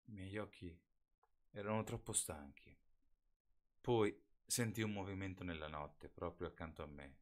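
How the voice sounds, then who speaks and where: Male live audiobook reader, very low voice, steady delivery. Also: measured pace.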